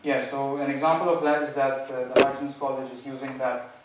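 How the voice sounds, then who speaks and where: A man defending his PhD thesis, nervous and hedging, halting with many false starts and repeated words. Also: mid-range voice, level tone, over a noisy crowd. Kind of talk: academic thesis defense, spontaneous answers. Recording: very echoey room, distant mic, faint noise.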